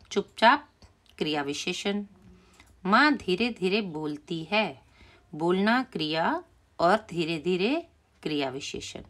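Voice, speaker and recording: Slow, patient woman teacher. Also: on the low side, fairly bright tone. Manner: slow and patient, repeating key words. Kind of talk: explaining a primary school Hindi lesson.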